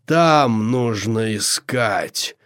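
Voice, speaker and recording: A man voicing a strange, grumpy, big-nosed creature that sniffs out witches and drags out every booming word. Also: animated, extremely slow, fairly bright tone, clear, resonant tone, heavily acted. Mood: pompous.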